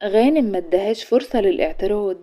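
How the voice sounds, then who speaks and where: A woman with an Egyptian accent narrating a romantic story in brisk, even storytelling. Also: mid-range voice. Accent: Egyptian Arabic.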